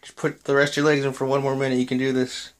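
A man's voice: medium pitch, monotone, fast talker. A man chatting casually from behind the camera, coaching as he films on a phone. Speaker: husband filming and coaching. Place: small home bathroom. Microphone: handheld phone, behind the camera. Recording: faint noise on phone recording.

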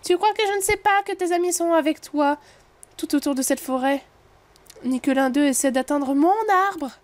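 A woman's voice: high-pitched, steady tone, moderate pace, darkish tone, no echo, voice pushed up, close to an everyday voice. A woman doing a shrieking furious tree spirit. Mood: menacing.

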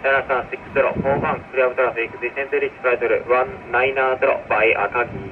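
Very fast-talking Japanese man on noisy radio. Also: mid-range voice, steady tone, far from the mic. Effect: radio transmission. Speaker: air traffic controller. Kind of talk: clipped radio phraseology. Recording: muffled, noisy aviation radio reception.

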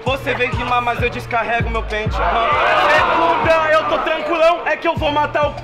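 A young Brazilian man shouting taunting freestyle battle rap. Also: extremely high pitch, level tone, normal speed. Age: young adult. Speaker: battle rapper. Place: crowded rap battle event. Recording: very loud music and crowd behind.

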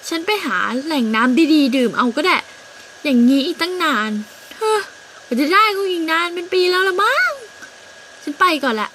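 A woman's voice: extremely high pitch, very animated, moderate pace, background noise. A woman voicing a rude, cocky bird who mocks the others. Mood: grumbling. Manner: sneering, mocking.

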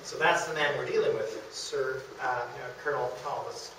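A man with a medium-pitched voice, speaking at normal speed, delivers an illustrated history lecture to an audience in a historic house's meeting room. A distant camera in the crowd captures him, so the sound is far off, very echoey and faintly noisy.

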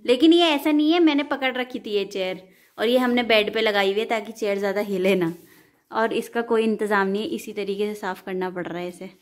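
A woman's voice: mid-range voice, brisk. A young woman chatting casually in a home vlog, talking with her family and coaxing her pet to come over. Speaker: vlogger.

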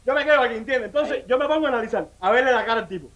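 A man's voice: very high-pitched, expressive, very fast, fairly bright tone. A man with a Cuban Spanish accent acting in a comedy sketch, playing a boastful male street tough who brags in a swaggering way. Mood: storytelling. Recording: slightly dull recording with faint noise.

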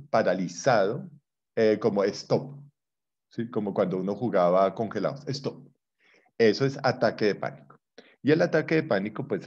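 A man's voice: on the low side, a little mellow, dull audio. A man teaching a psychology class, explaining with playful examples and teasing his students. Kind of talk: online class lecture.

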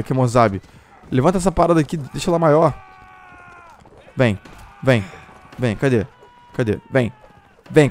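A young man with a Brazilian accent giving excited gameplay commentary, often breaking into shouts while he chats to his viewers. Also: medium pitch. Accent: Brazilian Portuguese. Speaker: gameplay streamer. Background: faint classical music from the game.

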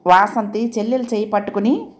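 A woman storyteller reading a novel aloud in a steady, even manner. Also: mid-range voice, fairly quick. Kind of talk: audiobook narration.

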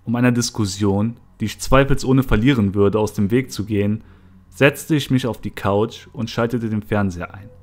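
A man narrating a horror story in the first person, in a somber, low-key manner. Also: moderate pace. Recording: soft music behind.

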